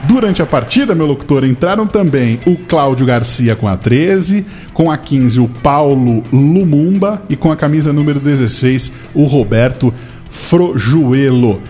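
A man's voice: mid-range voice, animated, measured pace, dark tone, faint music behind. A Brazilian man hosting a podcast, telling football history in a conversational way. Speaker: podcast host.

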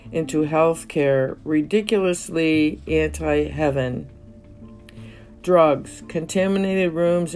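A woman's voice: sits low, darkish tone. Woman narrator, reflective memoir reading, poetic delivery, faint guitar underneath. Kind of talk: reading a personal memoir aloud. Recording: faint guitar music behind.

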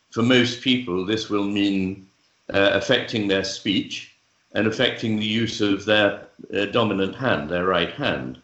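A man speaking as a guest author, explaining ideas in measured talk with frequent pauses, fillers and restarts. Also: on the low side, a bit bright. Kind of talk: thoughtful explanatory interview talk. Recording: roomy, dull lo-fi sound.

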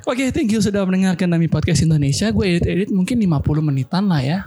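A man's voice: high voice, animated, fast talker, mellow, breathy edge. A man who cannot pronounce his r's properly, chatting casually as a podcast host.

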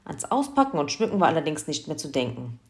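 A woman reading a children's Christmas story aloud in a lively, expressive way. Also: sits low, quick pace, vocal fry.

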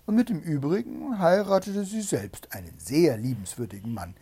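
A man reading a fairy tale aloud with dramatic, expressive narration. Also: fairly high pitch, normal speed, husky. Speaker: storyteller.

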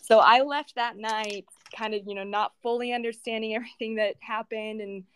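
A woman in a personal conversational interview, earnest and halting, telling her faith story at home with many restarts and fillers. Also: on the high side, fairly even intonation, smooth. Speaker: guest sharing her faith testimony.

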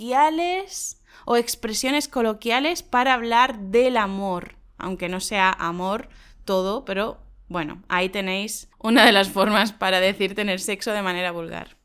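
A woman from Spain, co-hosting a lesson and explaining slang to learners in a lively, emphatic way. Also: mid-range voice, normal speed, smooth. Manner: lively, emphatic, laughs often. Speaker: Spanish teacher and co-host.

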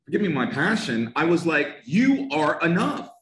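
An American man with a Northern New Jersey accent teaches English pronunciation on a podcast, speaking emphatically and passionately and often repeating himself for stress. His fairly high voice has a sing-song quality, a moderate pace, and a slightly bright tone in an echoey room.

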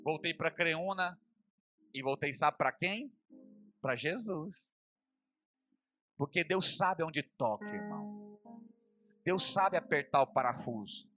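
A young man delivers a testimony sermon in a high, bright voice. He swings between loud, fervent preaching and quiet, intimate storytelling. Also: sing-song, takes it slowly, long pauses, faint music behind. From Brazil.

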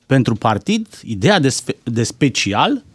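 A man's voice: mid-range voice, big pitch swings, husky, no room sound. A man giving heated, indignant political commentary on a talk show, firing off rhetorical questions.

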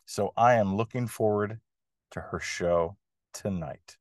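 A man's voice: fairly low pitch, takes it slowly, no room sound, studio quality. A man hosting a music podcast, giving an enthusiastic review monologue with emphatic, dramatic phrasing.

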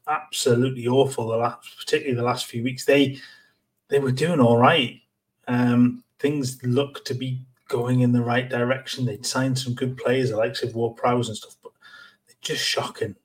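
A man gives blunt, plain-spoken takes on a football podcast. He sits a little away from the mic, so his voice comes across slightly distant. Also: medium pitch. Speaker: podcast co-host. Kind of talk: casual football chat.

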